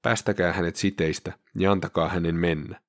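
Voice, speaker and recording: Man reading calm authoritative teacher, earnest, measured, very deep voice, dry sound. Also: dry recording, natural voice.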